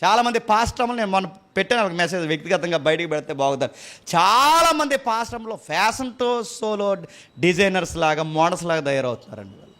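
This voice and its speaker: High-voiced preacher scolding his congregation. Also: lively intonation, a bit bright. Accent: Telugu, Andhra Pradesh. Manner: scolding, rhetorical questions to the congregation; mimics boastful people in quick asides. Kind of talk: sermon.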